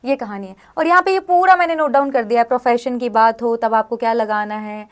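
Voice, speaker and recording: A woman teaching a grammar lesson, explaining rules step by step and often checking in with her students. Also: sits high. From India. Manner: frequent check-in questions to students.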